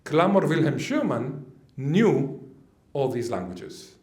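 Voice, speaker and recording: A man's voice: on the high side, sing-song, slow pace, a little mellow, echoey room. A man raised in Israel giving a conference lecture, chatty and joking with the audience. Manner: chatty, with jokes and asides to the audience. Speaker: conference speaker. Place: lecture hall.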